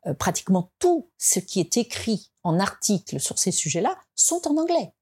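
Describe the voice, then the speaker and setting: A woman from France speaking as a guest in an interview, reflective and hesitant, with many fillers and restarts, and rising in pitch to stress her points. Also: sing-song, moderate pace, darkish tone, breathy edge. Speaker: design expert guest. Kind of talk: conversational interview.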